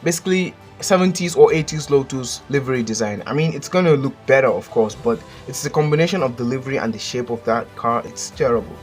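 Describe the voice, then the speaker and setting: Speaking fast with few pauses, a Nigerian-accented man hosts a casual countdown for his channel, tossing out blunt, joking opinions in voice-over. His voice sits in the mid range, and faint music plays underneath.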